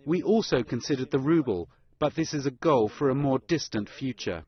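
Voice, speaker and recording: A man giving a translation voice-over as an interpreter, speaking in a measured, formal way. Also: medium pitch, expressive. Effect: translation voice-over for a foreign speaker. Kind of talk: simultaneous interpretation. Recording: dull lo-fi broadcast clip.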